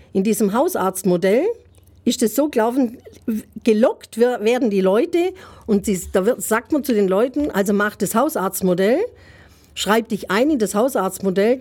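This middle-aged woman has a mid-range, darkish voice. Answering interview questions as an author, she sounds emphatic and indignant and leans on plenty of rhetorical questions.

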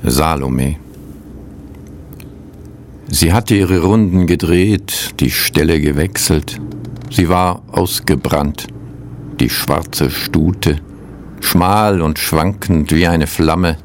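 A man with a very low voice and a gravelly edge reads poetry on the radio. He recites slowly and calmly, with measured pauses, then introduces the next pieces in the same unhurried manner. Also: a little hiss or hum. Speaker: radio presenter. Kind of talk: radio poetry reading and presenting.

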